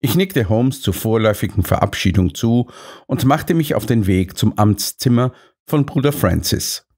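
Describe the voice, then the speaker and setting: A man's voice: mid-range voice, a little mellow. A man reading a story aloud as scripted first-person narration in an audiobook.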